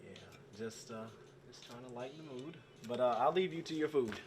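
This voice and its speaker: An actor playing a chatty, awkward server and eager fan who rambles and stammers with lots of fillers, in short film dialogue. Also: male voice, medium pitch, a little fast, a little hiss or hum, natural voice.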